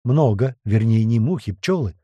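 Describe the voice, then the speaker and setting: Lively dark-voiced male audiobook narrator. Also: mid-range voice, normal speed, slightly rough, no room sound, lo-fi sound. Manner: lively, vivid storytelling. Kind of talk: first-person audiobook narration.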